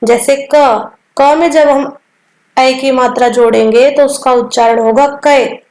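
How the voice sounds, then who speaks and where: Woman teacher, high voice, slow deliberate lesson pace, repeats each sound, echoey room. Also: steady tone, darkish tone. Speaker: Hindi teacher.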